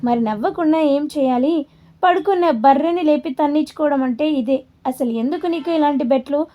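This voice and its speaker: A woman's voice: sits high, moderate pace, muffled recording, natural voice. A woman voicing a nosy, teasing young woman roommate who asks questions and pokes fun.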